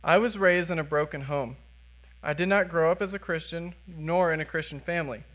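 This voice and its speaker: Higher-voiced young American man preaching. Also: a little fast, fairly bright tone. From United States. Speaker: first-time preacher. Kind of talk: sermon with personal testimony.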